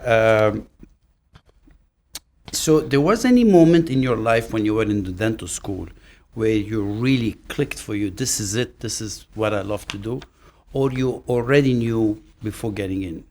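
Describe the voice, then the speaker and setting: A man hosting a casual podcast interview, talking haltingly and often repeating or restarting words. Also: fairly low pitch, lively intonation, a little mellow. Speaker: podcast host.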